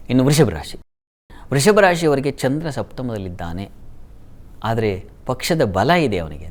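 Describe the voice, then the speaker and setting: An astrologer with a Kannada accent and a fairly low voice reads the daily horoscope. He chants Sanskrit verses slowly, letting his sentences fade into a soft hush.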